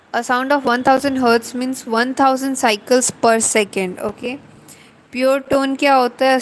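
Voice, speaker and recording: A woman with an Indian accent giving a slow, deliberate lecture, explaining terms one by one in a mix of Hindi and English. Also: fairly high pitch, slight background noise, rough recording.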